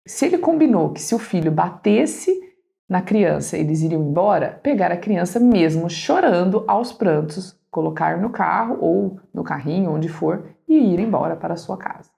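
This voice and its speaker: A woman's voice: lowish voice, lively intonation, moderate pace, gravelly, dark tone. A woman reading a parenting book aloud and commenting on it, asking her listeners rhetorical questions. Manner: explanatory, asks the audience rhetorical questions. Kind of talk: commented read-aloud lesson.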